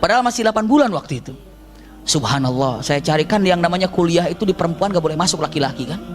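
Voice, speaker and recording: A man preaching and telling a personal story in a lively, humorous way, acting out dialogue and making sound effects. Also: fairly high pitch, fast talker, over music.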